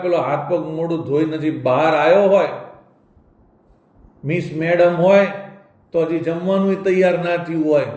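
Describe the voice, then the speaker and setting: A man giving an emotional moral talk to an audience. He tells stories, acts out a mother's gentle replies and keeps addressing his listeners directly. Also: fairly high pitch. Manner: addresses listeners as "saheb" and urges them directly. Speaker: moral speaker. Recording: echoey room.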